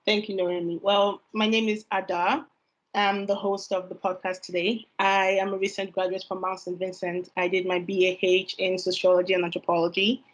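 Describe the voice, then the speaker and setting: Young woman hosting a podcast, pretty flat steady voice, takes her time asking. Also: medium pitch, normal speed, rough recording. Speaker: podcast host.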